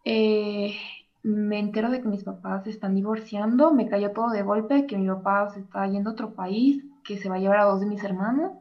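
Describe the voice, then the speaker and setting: A young Mexican woman confiding in an advice host, stopping and restarting as she searches for words. Her voice sits at an ordinary middle pitch. The recording sounds a little dull and lo-fi. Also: fairly even intonation, brisk. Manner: hesitant, many fillers and restarts. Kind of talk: personal confession to an advice host.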